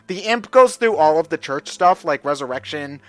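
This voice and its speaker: Bright-voiced young man chatting casually. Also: fairly high pitch, animated, normal speed, no room sound. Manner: enthusiastic, rambling, with many fillers. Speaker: host. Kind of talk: casual game discussion.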